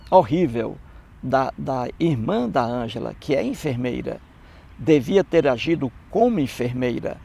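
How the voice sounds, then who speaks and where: Scornful gravelly Brazilian man. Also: mid-range voice, darkish tone. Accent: Brazilian Portuguese. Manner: scornful, repeats phrases for emphasis. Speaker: atheist commentator. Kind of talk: mocking Bible commentary.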